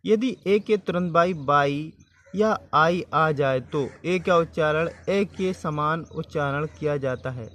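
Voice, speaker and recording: Slow, deliberate man teaching pronunciation. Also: fairly high pitch, fairly bright tone. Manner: spells words letter by letter and repeats. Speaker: English teacher.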